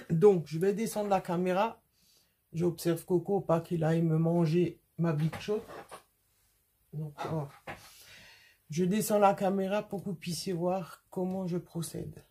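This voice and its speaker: A woman's voice: fairly low pitch, steady tone, unhurried, pauses often, a little mellow. A woman hosting a casual craft tutorial from her home workspace, talking in a chatty way with many hesitations.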